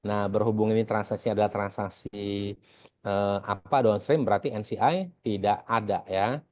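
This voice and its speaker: In a fairly low, darkish voice with fairly even intonation and a moderate pace, an Indonesian man lectures on accounting. He walks through a worked exercise in a chatty way, asking and answering his own questions and adding frequent check-in tags, on a dull, lo-fi recording.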